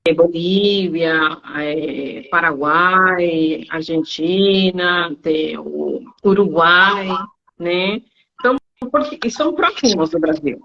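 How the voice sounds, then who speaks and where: A woman, a Spanish teacher and travel agent, talking in an interview and telling anecdotes in an animated way, acting out her students' lines. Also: slow, gravelly. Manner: animated storytelling, acts out students' lines in high voices. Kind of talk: interview conversation. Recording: dull lo-fi sound.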